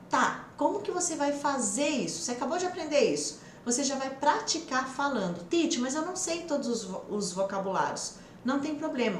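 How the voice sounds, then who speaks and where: A woman with a Brazilian Portuguese accent teaching an English lesson, lively and emphatic, slowing down to stress key words. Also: a little high, slight background noise. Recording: echoey room.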